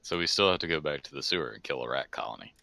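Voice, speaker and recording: A man's voice: rumbling low, animated, rapid-fire, creaky, bright, forceful tone, no room sound. A man playing a tabletop game, easygoing and casual as he plans with the group. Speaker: player.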